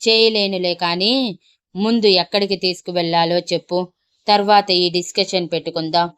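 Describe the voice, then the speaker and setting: A commanding, scornful young husband in an audio story, as a woman narrator puts him on. He speaks in a lowish, smooth voice and keeps his orders harsh and clipped. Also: steady tone, moderate pace, a bit bright, dry recording, clean studio sound, close to an everyday voice. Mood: curt. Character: domineering, hot-tempered young husband.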